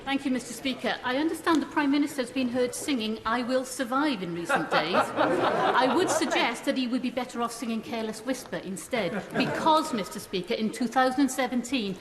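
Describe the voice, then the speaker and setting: A woman's voice: high voice, brisk. A woman giving a pointed, rhetorical parliament speech as an accusing question from a member. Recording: echoey chamber, loud crowd.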